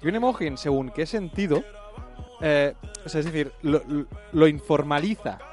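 A man co-hosting a casual podcast, reacting with animated enthusiasm. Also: fairly high pitch, normal speed, faint music behind. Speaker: podcast co-host.

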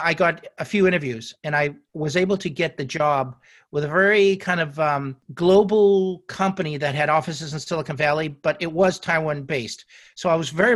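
This older man, interviewed as a guest, has a somewhat bright voice pitched a little high for a man. He answers at length like he's telling stories, often stopping to restart or fix a phrase.

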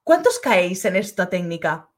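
A woman's voice: lowish voice, very animated, moderate pace. A woman with a Spain Spanish accent, hosting a casual live stream and reading out viewers' comments. She is chatty and acts out little everyday dialogues. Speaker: online course creator and live-stream host.

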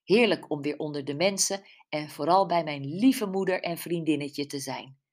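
A woman's voice: low voice, moderate pace, darkish tone. Woman doing a playful teasing young woman. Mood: cheerful.

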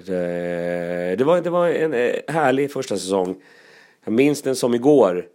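A comedian telling casual, lively anecdotes, with laughs and asides. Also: male voice, medium pitch.

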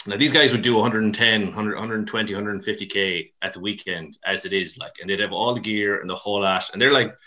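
A man's voice: lowish voice, fairly even intonation, fast talker, hardly any pauses, bright, forceful tone, highs cut off. A man with a west of Ireland accent chatting casually in an interview, rambling and colloquial, with a self-deprecating touch. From Mayo and Dublin, Ireland. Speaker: CrossFit coach, podcast guest.

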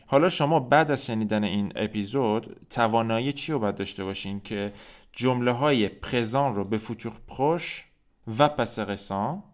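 A man leads a podcast French lesson, explaining in his native Persian. He says each French example slowly and then repeats it. His voice sits on the low side. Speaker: French teacher.

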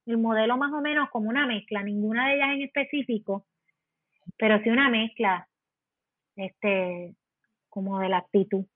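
A Puerto Rican actress chatting as a podcast guest, explaining in an animated way with many fillers. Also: female voice, fairly high pitch, moderate pace, long pauses, dry recording. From Puerto Rico. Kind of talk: podcast interview chat. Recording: dry tinny phone-like sound.

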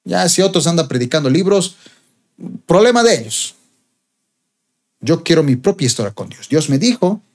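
A man preaching a sermon with emphatic delivery that climbs to high, stressed peaks.

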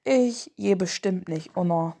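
A woman's voice: fairly low pitch, measured pace, gravelly, dark tone, breathy edge, heavily acted. A woman voicing a big, cheerful, helpful hippo in a storybook reading, speaking up eagerly.

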